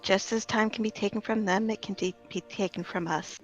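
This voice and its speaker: A woman playing a gentle, earnest fae-touched woman in a tabletop game, speaking in measured, philosophical riddles. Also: medium pitch, fairly even intonation, lo-fi sound, soft background music, natural voice. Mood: earnest, reflective.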